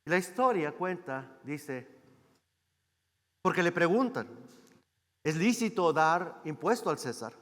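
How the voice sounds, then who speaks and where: A man from Mexico preaching as a guest speaker. His voice sits a little high for a man, and he keeps checking in with the congregation through rhetorical questions. A long reverb from the church hall trails behind his words. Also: lively intonation, slow, pauses often, a bit bright. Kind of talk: sermon.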